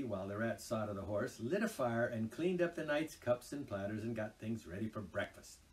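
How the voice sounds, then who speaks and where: Here a seasoned-sounding male storyteller gives an expressive reading of a classic children's story, his medium voice lifting and dipping. He was recorded from some distance, slightly off-mic.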